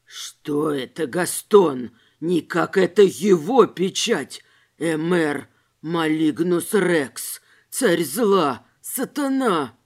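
A woman voicing a noseless, mocking male street robber with a hoarse, wheezy voice and slow, sneering taunts. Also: sits low, lively intonation, fairly bright tone, pitched below the performer's own voice, exaggerated voice. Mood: frightened.

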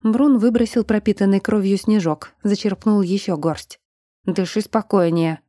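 A woman narrating an audiobook in a steady, measured storytelling manner. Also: medium pitch, no room sound, studio quality. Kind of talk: scripted narration.

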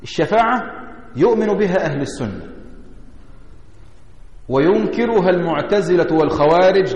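High-voiced Egyptian sheikh in an echoing hall. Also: male voice, darkish tone. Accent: Egyptian Arabic. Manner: keeps asking the class rhetorical questions to check understanding. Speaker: sheikh teaching a creed text. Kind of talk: religious lesson explaining a text. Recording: echoey hall with long reverb.

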